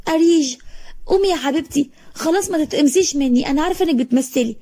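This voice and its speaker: A woman voicing a frantic Egyptian girl, high and pleading. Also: racing, dark tone, lightly acted. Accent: Egyptian Arabic. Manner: pleading, hysterical, high and tearful. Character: grieving young girl screaming over family.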